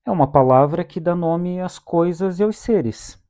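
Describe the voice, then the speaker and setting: A young Brazilian man with a Brazilian Portuguese accent patiently teaches a language lesson, saying each word twice for his learners in calm vocabulary drills. His voice sits high, a little slow, with a dark tone.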